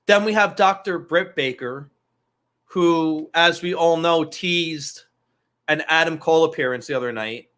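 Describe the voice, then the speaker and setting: A man's voice: a little high, unhurried, a bit bright. A man hosting a casual wrestling talk show, loose and profane, rambling through asides. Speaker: podcast host.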